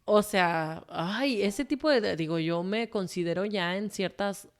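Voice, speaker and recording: A woman with a Mexican Spanish accent tells her own story as a guest. She talks frankly and emotionally, curses without holding back, and strings her thoughts together with lots of fillers. Her voice sits at an ordinary middle pitch. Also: unhurried. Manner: frank and emotional, swears freely, rambles with fillers. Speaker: guest telling her testimony. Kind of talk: candid conversational storytelling.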